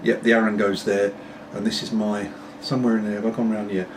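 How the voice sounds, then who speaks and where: Here a middle-aged British man talks briskly in a fairly low, level voice, puffing a pipe as he rambles to camera at home. The pipe-smoking video blogger keeps apologizing along the way. Distant miking leaves a clearly noisy background.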